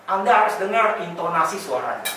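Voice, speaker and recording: Man, sales trainer, animated coaching talk, English sales terms mixed in, bright forceful voice, faint background noise. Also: sits high, a little fast. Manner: animated, addresses the listener as sir constantly. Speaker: real estate sales trainer. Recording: echoey room, distant mic, faint noise.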